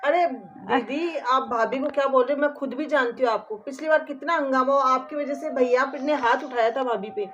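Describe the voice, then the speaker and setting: A woman's voice: high-pitched, moderate pace, few pauses, fairly bright tone, soft background music. A woman acting in a home-made family skit, speaking in a casual, conspiring way. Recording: dull lo-fi sound.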